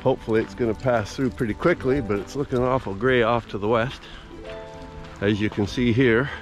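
An older man vlogs a rainy walk along a rural trail, musing in a casual, understated way into a handheld camera held at arm's length. His medium-pitched voice moves a little fast, with music in the background.

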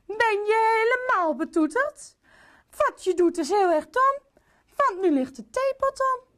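A woman's voice: high-pitched, sing-song, slow pace, pitched above the performer's own voice, heavily acted. A woman voicing a bossy queen who scolds, in a picture-book reading for children. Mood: scolding. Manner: sharp, scolding, then soothing. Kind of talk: storybook voice.

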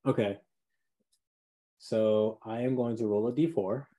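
A man's voice: lowish voice, steady tone, measured pace, warm tone. A man chatting casually as a tabletop game player, thinking aloud hesitantly. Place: indoors at home, on a video call.

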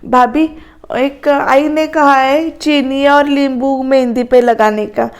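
A sweet young bride from a family soap, coaxing and pleading in a high, light voice, voiced by a woman recapping the episode. The tone stays gentle and eager, close to the reader's own. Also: fairly even intonation, slow pace.

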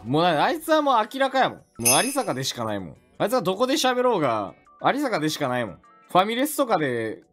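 A man from Mie Prefecture with a Mie dialect, chatting on a casual stream in an animated, rambling, jokey way. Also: a little high. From Mie Prefecture, Japan.

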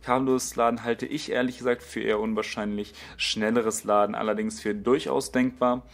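A man's voice: medium pitch, vocal fry. A young man doing a casual tech voice-over, hesitant and full of fillers and restarts. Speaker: tech YouTuber.

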